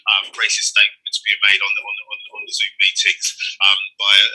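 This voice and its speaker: A man giving interview answers, earnest and animated, repeating words as he searches for them. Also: lowish voice, brisk, breathy edge, low-quality recording. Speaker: party leader interviewed.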